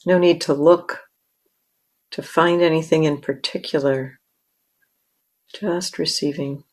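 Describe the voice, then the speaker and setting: Guiding a meditation, this woman keeps her voice low and her intonation very even. Her phrasing is measured, with short phrases and long pauses between them.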